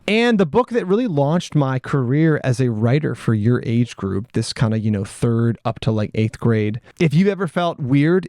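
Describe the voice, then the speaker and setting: A man's voice: medium pitch, mellow, dry recording. Playful American male educator, enthusiastic and casual kids' promo, close dry sound inside a camper. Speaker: teacher and children's author. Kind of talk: upbeat promo video aimed at schoolchildren. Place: inside a parked or moving RV, road noise mentioned.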